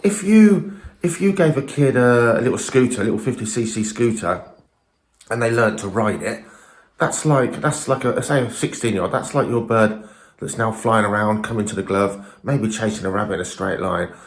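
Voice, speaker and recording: A man's voice: lowish voice, normal speed, roomy sound. A man giving an informal, emphatic and opinionated talk to camera as a falconer presenting his own video, often throwing in rhetorical questions.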